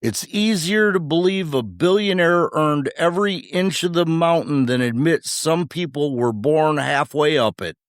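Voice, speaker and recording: A podcast co-host delivers scripted commentary in short, punchy rhetorical phrases laced with wry humour. His somewhat high voice is expressive and a little slow with few pauses, captured as a dry, studio-quality recording.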